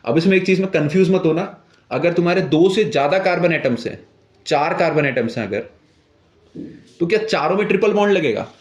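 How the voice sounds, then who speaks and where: A young male chemistry teacher gives a classroom lesson in a fairly high voice. He puts questions to his students and answers them himself, checking in again and again. The sound bounces around an echoey room. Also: expressive, fairly quick.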